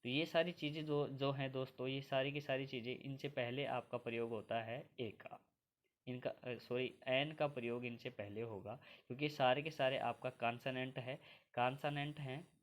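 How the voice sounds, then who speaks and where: A man's voice: medium pitch, fairly even intonation, normal speed. A man from India teaches English grammar for exams step by step and keeps addressing his viewers as friends. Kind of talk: exam-prep grammar lesson.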